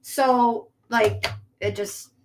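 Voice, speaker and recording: A woman's voice: on the high side, steady tone, extremely slow, noisy background. A young adult woman chatting casually as a guest friend, giggly and hedging with many fillers. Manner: giggly, hedging with lots of 'like'. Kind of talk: casual chat.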